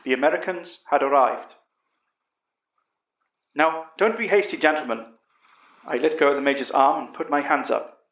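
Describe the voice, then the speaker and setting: Here the earnest old English professor, voiced by a man, relates a monster story at a moderate pace with long pauses and an urgent mood. His voice is fairly high and a bit bright. This first-person horror audio drama has a roomy, slightly muffled sound.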